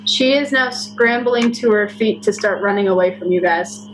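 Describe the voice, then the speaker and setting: A woman acting as game master, narrating a tabletop game in a measured, descriptive way. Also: medium pitch, noisy background.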